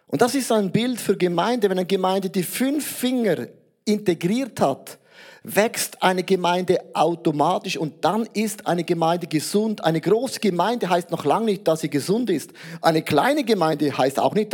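A man preaching a sermon as pastor, explaining through lively everyday examples and mixing in English words. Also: high-pitched.

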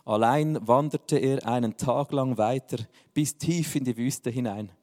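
Joking preacher. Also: male voice, medium pitch, unhurried, darkish tone, big-room sound. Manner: casual, joking preaching style. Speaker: pastor. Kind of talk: sermon.

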